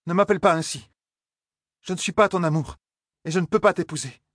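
A man's voice: high voice, steady tone, brisk, a bit bright, dry recording, studio quality, voice pushed up. A man voicing a fiery, frightened young woman in an audiobook, in a raised, tense voice. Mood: distressed. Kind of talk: audiobook character voice.

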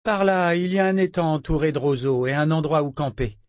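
A man's voice: on the high side, a little fast, darkish tone, dry recording, voice pushed up, natural voice. This is a grumbling, stubborn tribeswoman in an audiobook, as a male reader puts her on. She whines and insists in a lifted voice. The sound is close and dry. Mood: insistent. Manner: complaining, petulant. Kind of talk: audiobook character voice.

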